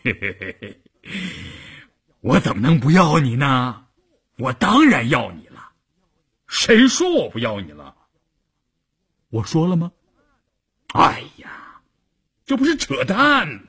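A man's voice: fairly high pitch, a little fast, pushed and bright, slightly rough, pitched above the performer's own voice. A man voicing a stubborn middle-aged army commander who blusters and then coaxes. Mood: coaxing. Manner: blustering, wheedling by turns.

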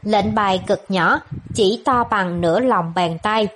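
A woman reads an audiobook at an ordinary middle pitch, with a steady, even storytelling delivery. There is a faint hiss behind her voice. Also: measured pace, low-quality recording. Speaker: audiobook narrator. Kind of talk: scripted narration.

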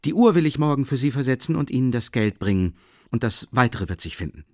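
A man reading the part of an eager young friend making practical plans, brisk and persuasive. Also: mid-range voice, animated, a little mellow, no room sound, clean studio sound, voice pushed up, lightly acted.

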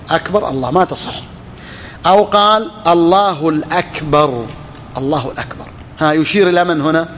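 In a faint hum of background noise, a man with a fairly high voice and a touch explains a legal text in a brisk, rapid delivery. He repeats key phrases, asks and answers his own questions, and stretches out words when demonstrating pronunciation. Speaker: sheikh teaching a fiqh text. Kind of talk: explaining a classical text to students.

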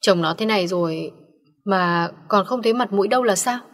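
A distraught mother over sixty, wailing and pleading through her tears, as a woman narrator voices her. Her voice sits at an ordinary middle pitch. The audio-story recording carries a long, hall-like reverb. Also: fairly quick, lightly acted. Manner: pleading, tearful lament.

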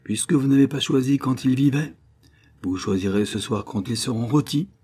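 A man's voice: mid-range voice, moderate pace, mellow, slightly rough, pitched above the performer's own voice, close to an everyday voice. A man voicing a proud, cocky teenage boy forester with a mocking manner, in a storybook reading.

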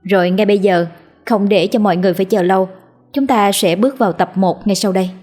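A woman narrating a ghost story audiobook with calm, even delivery. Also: medium pitch, fast, faint music behind.

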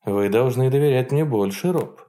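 A man voicing a mild-mannered, soft-spoken male security chief, speaking slowly and gently in an audiobook reading. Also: mid-range voice, pitched above the performer's own voice, natural voice. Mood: calm. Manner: slow, soft purring delivery.

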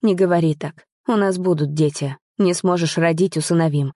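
A woman reading the lines of a young man, a tender, guilt-ridden lover, in a soft, pleading, earnest way. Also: fairly low pitch, moderate pace, no echo, studio quality, natural voice.

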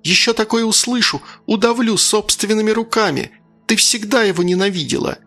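A man's voice: fairly quick, gravelly, bright, forceful tone, faint music behind, heavily acted. A man voicing a hysterical, shrieking middle-aged mother in an audiobook. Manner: hysterical, shrill.

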